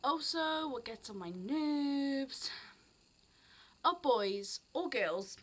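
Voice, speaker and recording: A teen girl who vlogs speaks very slowly in a high, expressive voice. Rambling casually with no script and skipping from one thought to another, she has a Barry, South Wales accent mixed with some English sounds.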